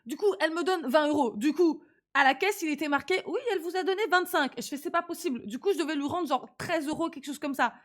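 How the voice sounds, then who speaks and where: A woman's voice: high-pitched, quick pace, fairly bright tone. A young woman with a slight lisp and slushy s sounds, chatting casually and animatedly in slang as she livestreams. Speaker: live streamer.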